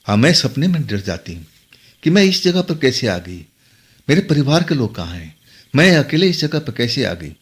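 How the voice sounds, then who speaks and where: A man's voice: medium pitch, sing-song, moderate pace, breathy edge. A man narrating a horror story in the first person, dramatic and tense.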